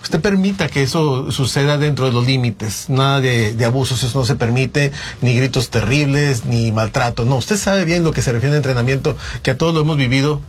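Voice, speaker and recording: A man's voice: mid-range voice, brisk, few pauses, slight background noise. A man hosting a talk show, speaking directly to listeners and giving advice. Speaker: host.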